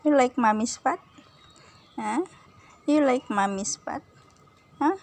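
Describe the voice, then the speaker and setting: Having just swept outside her home, a woman babies her cat with doting talk in a blend of Tagalog and English. She speaks slowly in a high, slightly mellow voice.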